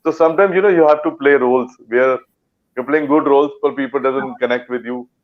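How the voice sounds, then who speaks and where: An actor from Punjab with an Indian English accent chats as a guest in a casual interview, rambling with fillers and restarts. His mid-range voice moves fairly quickly, and the audio sounds dull.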